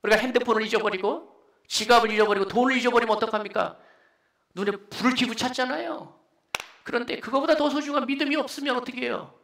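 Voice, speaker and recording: A male pastor preaching a sermon in a church, emphatic and exhorting, at times dropping into quiet asides. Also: very high-pitched, quick pace, gravelly. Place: church sanctuary. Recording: echoey church hall.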